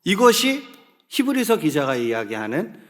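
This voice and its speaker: Lively high-voiced male youth preacher. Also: normal speed. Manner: questions the listeners and calls for group readings. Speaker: youth pastor. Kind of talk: sermon. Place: church.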